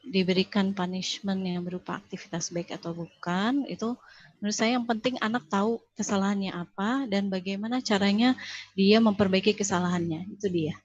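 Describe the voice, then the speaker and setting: A woman gives an earnest parenting talk and addresses parents directly, her voice at a middle pitch. The audio is dry and a bit muffled, like sound from a video call. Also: steady tone, fairly quick, darkish tone, dry recording. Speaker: parenting speaker. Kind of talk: webinar talk.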